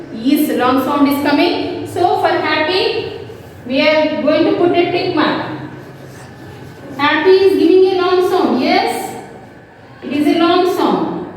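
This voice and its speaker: A woman teaching a children's class online, explaining slowly and repeating herself step by step. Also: sits high, animated, a little mellow. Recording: echoey room from far off with faint noise.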